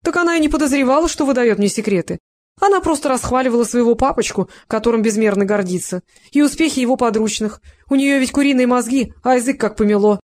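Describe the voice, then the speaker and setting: A narrator putting on a shrill sneering crook. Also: male voice, fast. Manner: shrill, sneering, shrieks when cornered. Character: sneering cowardly male gang crook.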